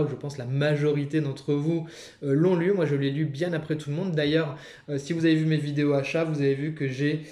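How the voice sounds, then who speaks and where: A man talks through a comics review in a loose, chatty way, often stopping to hesitate. His voice sits a little high and sounds mellow. The room is echoey around him. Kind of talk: casual video review.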